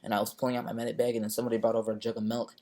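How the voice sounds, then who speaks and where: A man's voice: medium pitch, completely flat delivery, racing, vocal fry, warm tone, slight background noise. A young man telling a raw personal story on his vlog, with emphatic, profane delivery. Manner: emphatic, profane storytelling that acts out the people in the scene. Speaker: vlogger. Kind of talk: raw personal retelling of a protest.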